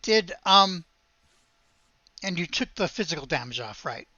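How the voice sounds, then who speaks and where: A woman's voice: fairly low pitch, animated, unhurried, bright, forceful tone, no echo, lo-fi sound. A woman running a tabletop game as game master, explaining rules in an easygoing, patient way.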